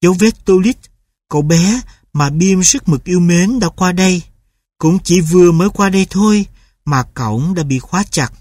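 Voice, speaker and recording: A woman calmly narrating a storybook in a steady reading voice. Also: lowish voice, moderate pace, no room sound, studio quality. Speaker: audiobook narrator.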